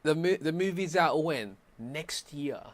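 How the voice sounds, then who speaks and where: Lively-voiced male podcast co-host. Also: a little high, very noisy. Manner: animated, slangy, quick agreeing interjections. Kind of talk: casual podcast chat.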